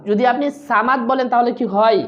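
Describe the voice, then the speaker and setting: A woman's voice: fairly high pitch, fairly even intonation, fast talker. A woman teaching Quran pronunciation step by step. She draws out model phrases and patiently explains each letter sound. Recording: slightly dull lo-fi recording.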